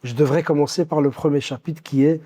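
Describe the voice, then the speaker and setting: A Belgian-born man in his fifties, recounting his life story as an interview guest, with many pauses and restarts. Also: fairly high pitch, steady tone, mellow. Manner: hesitant, many fillers and restarts.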